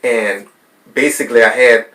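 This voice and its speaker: A man's voice: mid-range voice, steady tone, moderate pace, fairly bright tone, echoey room, rough recording. A man who works as a corrections officer, speaking as a guest in casual chat, cursing and repeating himself.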